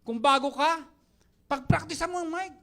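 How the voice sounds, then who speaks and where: High, bright-voiced man coaching a crowd. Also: normal speed, vocal fry. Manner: animated, jokey, quizzes the crowd, mixes Tagalog and English. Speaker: mentor speaking to network marketing team. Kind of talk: live motivational talk to an audience.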